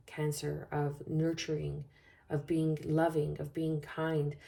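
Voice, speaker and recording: A woman's voice: low-pitched, creaky, warm tone. A woman giving a spoken tarot reading in a flowing, soothing way, often checking in with "okay?". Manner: flowing, soothing, repetitive phrasing with frequent "okay?". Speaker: tarot reader.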